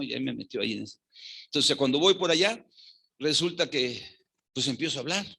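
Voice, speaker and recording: A man's voice: mid-range voice, creaky, bright, forceful tone, slight background noise. A man with a Mexican accent preaching a sermon as pastor, fervent and often asking the congregation rhetorical questions.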